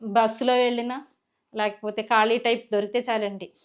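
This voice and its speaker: A woman's voice: a little high, little pitch movement, moderate pace. A woman giving a personal faith testimony as a church member, telling her story in an earnest, conversational way.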